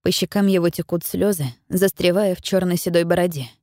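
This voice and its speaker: A woman narrates an audiobook in a measured, even storytelling manner. Her voice is fairly low, and the recording sounds dry and close, like a studio booth. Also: no echo. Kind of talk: scripted narration.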